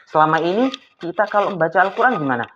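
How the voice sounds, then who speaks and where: A woman teaching an Arabic class to children, coaxing her pupils with lively questions. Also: fairly low pitch, rapid-fire. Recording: slightly dull lo-fi with faint noise.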